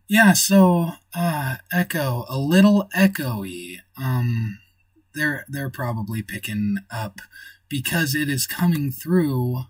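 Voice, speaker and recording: A man's voice: medium pitch, no room sound, recorded from a distance. A man hosting a livestream in casual chat, rambling and thinking aloud as he reads the chat. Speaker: livestream host.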